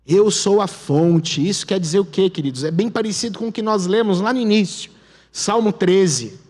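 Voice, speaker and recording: A man with a Brazilian Portuguese accent preaching a sermon as pastor, telling the story dramatically and dropping to a hush at key moments. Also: sits high, normal speed. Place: church sanctuary. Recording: long church hall reverb.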